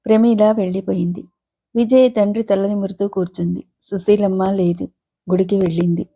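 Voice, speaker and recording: Mellow-voiced woman reading a novel. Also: mid-range voice, steady tone, normal speed, breathy edge. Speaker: audiobook narrator.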